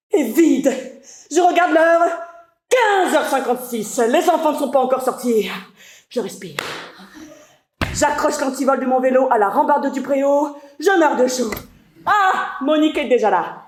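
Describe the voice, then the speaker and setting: A woman's voice: high voice, a little mellow, a little hiss or hum. An actress in her twenties performing a stage monologue as a frazzled young after-school worker, in a rhythmic, breathless delivery with sudden outbursts. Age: 20s. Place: stage at a theatre festival. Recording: echoey live hall.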